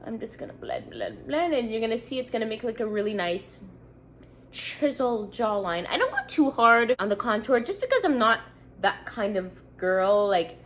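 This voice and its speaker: With a fairly high, sing-song, slightly bright voice at normal speed and slight background noise, a beauty vlogger from Montreal, Canada chats while putting on makeup. She's around thirty, congested and sniffly, and her casual get-ready-with-me talk rambles with plenty of fillers.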